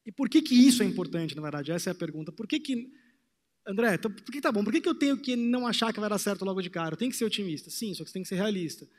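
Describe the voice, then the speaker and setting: A man's voice: sits high, lively intonation, rapid-fire, a little mellow. A man in his thirties giving a reflective talk on a conference stage through a headset mic. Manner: reflective, gestures while pacing the stage. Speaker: trading course presenter. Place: large conference hall with audience. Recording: hall reverb.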